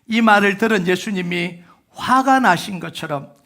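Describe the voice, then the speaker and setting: High, gravelly-voiced male pastor preaching. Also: lively intonation, moderate pace, pushed and bright. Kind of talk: Sunday sermon. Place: church sanctuary.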